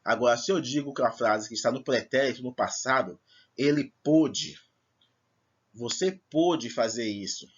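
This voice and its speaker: This man talks fast with few pauses in a mid-range, fairly bright but husky voice, and the recording is muffled. Teaching a recorded lesson, he still explains patiently step by step, checking that students follow with "certo?" and "tá bom?".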